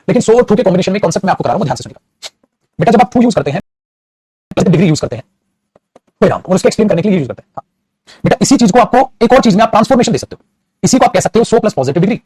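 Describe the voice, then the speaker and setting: A male English teacher gives a classroom-style grammar lesson at a rapid clip, his voice high for a man, a little husky and darkish. He repeats himself often, checks in with the class, calls students "beta" and says "very good" frequently. The sound is dry and close, with no room sound.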